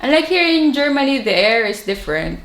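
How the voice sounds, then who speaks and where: A woman's voice: sits high, very animated, fairly quick, a bit bright. A young woman with a Filipino accent, chatting casually and rambling, laughing often. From Philippines. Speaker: vlogger. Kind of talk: casual chat. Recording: echoey room, faint noise.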